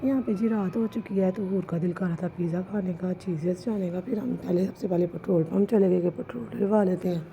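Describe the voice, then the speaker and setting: A chatty woman narrates her day for a home vlog, homely and talking straight to her viewers. Her voice is mellow and soft-edged. The recording is a little dull, with faint household ambience behind her. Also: on the low side, steady tone, a little fast, vocal fry, hardly any pauses. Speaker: vlogger. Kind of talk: casual vlog voice-over. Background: faint household noise.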